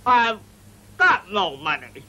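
An actor playing a gullible, hard-up gambler who is easily indignant, in a dubbed martial arts film. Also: male voice, high-pitched, very animated, slow, pushed and bright, heavily acted, low-quality recording. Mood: dejected.

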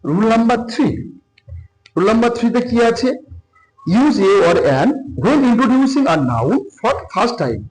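A man teaching a grammar lesson, reading English rules slowly and then explaining them with rising emphasis. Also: extremely high pitch, sing-song, soft background music. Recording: echoey room.

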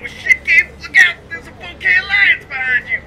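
A man talking over a phone speakerphone, joking and teasing in a deadpan way. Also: very high voice, moderate pace, a loud crowd. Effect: heard over a phone speakerphone. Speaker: boyfriend on the phone. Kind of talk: casual phone banter.

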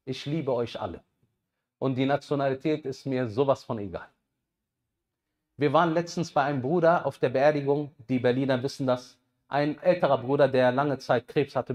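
A man in his thirties giving a lively sermon on a headset mic, swinging between loud bursts and quiet asides. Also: mid-range voice. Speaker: preacher.

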